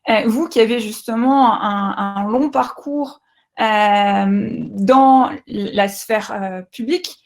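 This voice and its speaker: A woman's voice: medium pitch, slow. A woman interviewer asking questions with hesitations and restarts.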